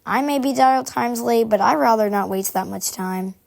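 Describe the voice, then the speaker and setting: A woman's voice: fairly high pitch, normal speed, gravelly, a little mellow. Woman voicing a prim, gossipy cartoon busybody. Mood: gossipy, confiding. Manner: confiding gossip, formal and prim phrasing. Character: prim, gossipy, busy train-supplier character, aloof and confiding. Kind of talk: scripted character monologue.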